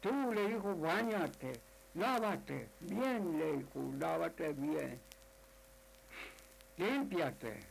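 A man's voice: fairly high pitch, expressive, extremely slow, vocal fry, pauses often, a little hiss or hum, full character voice, low-quality recording. A man doing a scheming talking cat. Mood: commanding. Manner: bossy, urging.

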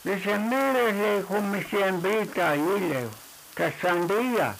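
A man's voice: sits high, animated, a little slow, vocal fry, fairly bright tone, slight background noise, rough recording. A man telling a long story in a casual, rambling way, breaking it up constantly with little 'he says, I tell him' asides.

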